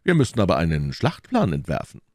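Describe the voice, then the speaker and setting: A composed, pious musketeer speaks in a somewhat raised, measured voice, as a male reader puts him on. It is lively in pitch and recorded dry. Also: no room sound, heavily acted.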